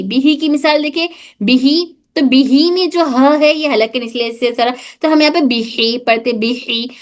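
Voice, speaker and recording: Woman, high voice, recitation teacher leading an online class, slow demonstrations with repeated sounds. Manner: explains slowly, demonstrates sounds by repetition; mixes English terms into explanation.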